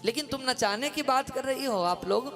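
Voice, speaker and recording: A gentle, patient divine prince pleads calmly to be allowed to leave, as a male preacher tells it. The voice is high and even. Devotional music plays loudly behind. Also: moderate pace, exaggerated voice. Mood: pleading. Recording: live katha with music behind.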